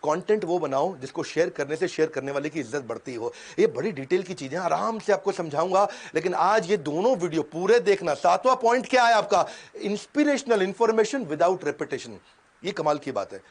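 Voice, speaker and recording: A man coaching an audience in an energetic motivational seminar, talking in quick punchy bursts and sudden pauses, dropping English catchphrases in. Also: high voice. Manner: mixes English catchphrases into Hindi. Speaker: business coach.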